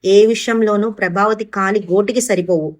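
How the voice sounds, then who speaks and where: A woman's voice: mid-range voice, steady tone, moderate pace, natural voice. A woman reading the part of a grumbling, complaining husband. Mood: irritated. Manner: complaining, irritated. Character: grumbling middle-aged husband, regretful.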